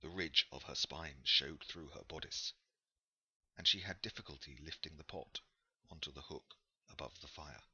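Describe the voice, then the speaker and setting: A man narrating a novel in a measured, unhurried storytelling manner. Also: very deep voice, pushed and bright, husky, muffled recording. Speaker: audiobook narrator. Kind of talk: scripted narration.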